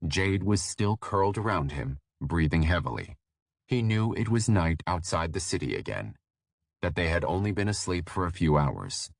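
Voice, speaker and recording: Male audiobook narrator, very low voice, dry sound, steady measured reading. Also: vocal fry, dry recording. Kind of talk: scripted fantasy narration.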